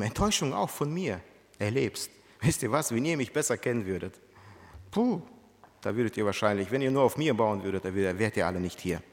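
Male preacher, emphatic sermon delivery, questions the congregation, long church-hall reverb. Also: on the low side.

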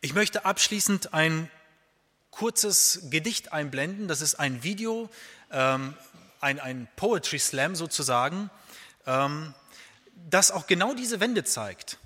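A man's voice: fairly high pitch, lively intonation, slow pace, pushed and bright, in a large hall. A man preaching a sermon in an earnest, emphatic way, repeating his key phrases.

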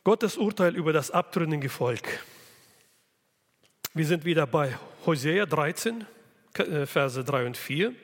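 Slow-preaching man in a reverberant hall. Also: on the high side, animated. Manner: slow, deliberate preaching with rhetorical questions. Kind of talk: sermon.

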